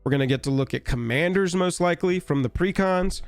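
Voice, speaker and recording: Sick and hoarse from a recent illness, a man chats casually to his live-stream audience in a raspy voice that sits a bit higher than most men's. His talk is brisk, rambling, wry and offhand, with faint music playing softly in the background.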